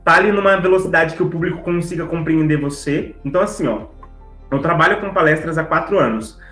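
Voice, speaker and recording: A man teaching public speaking in an online class, talking fast and lively and checking in with the audience as he goes. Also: on the high side, roomy sound, soft background music, low-quality recording. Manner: lively, talks straight to the audience with tags like "tá?" and "né?"; brisk, speeding up on purpose to fit the content in. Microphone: video call setup.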